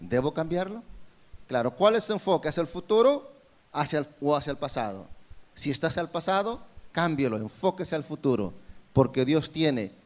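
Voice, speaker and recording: High-voiced Peruvian preacher. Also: male voice, moderate pace. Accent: Peruvian Spanish. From Peru. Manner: animated preaching with rhetorical questions to the congregation. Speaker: pastor. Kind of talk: sermon. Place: church service.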